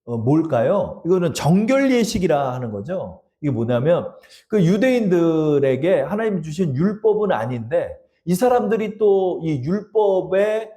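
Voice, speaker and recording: Lively, mellow-voiced Korean pastor preaching. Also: male voice, a little high, measured pace. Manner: storytelling with chuckles and acted quotes, leads congregation in repeating lines. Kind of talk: sermon. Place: church sanctuary.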